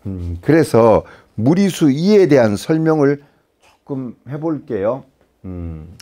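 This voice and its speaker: A man's voice: medium pitch, sing-song, takes it slowly, dark tone. A man teaching a math lesson in a casual, chatty way, often checking with the class. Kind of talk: lecture.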